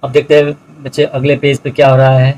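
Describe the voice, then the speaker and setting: A middle-aged male biology teacher explains his notes in a recorded video lecture, speaking at an ordinary middle pitch in a level tone that barely rises or falls. He goes step by step, repeats key terms and addresses students directly, though the audio sounds dull.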